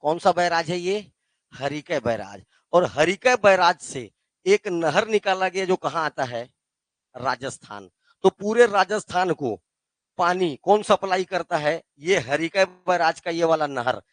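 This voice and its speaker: A man's voice: fairly high pitch, expressive, a little slow, no echo. A male teacher with a Chhattisgarh Hindi accent, giving a classroom geography lesson and quizzing his students with call-and-response questions. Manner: addresses students as "beta".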